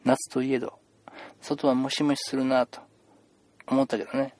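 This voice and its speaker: A man's voice: mid-range voice, flat delivery, normal speed, darkish tone, dry recording, close to an everyday voice. A man playing a chatty male doctor who rambles with puns and mock-stern scolding, in an improvised comedy role-play. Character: chatty joking male doctor seeing patients.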